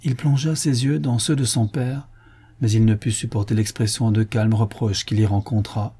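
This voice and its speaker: A man narrating a classic novel as an audiobook reader, measured and even. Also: on the low side, breathy edge. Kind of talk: scripted narration.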